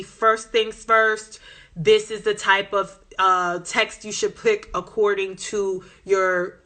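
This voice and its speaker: Speaking in a mid-range, pushed and bright voice, a Southern American woman who hosts a language-learning Instagram account talks passionately on a phone live stream, reading out viewer comments along the way.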